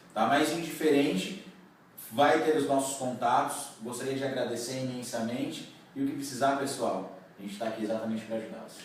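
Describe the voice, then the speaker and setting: Man, lawyer, measured formal speech, roomy echo, faint background hum. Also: medium pitch. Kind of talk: thanking viewers on camera. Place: office. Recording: echoey room, mic far off.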